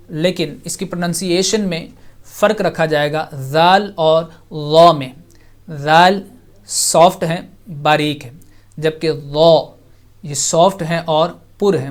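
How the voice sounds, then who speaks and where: A Quran pronunciation teacher hosting a televised lesson, patiently repeating each letter sound and explaining step by step how to form it, and inviting viewers to call in. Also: mid-range voice. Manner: takes viewers' phone calls.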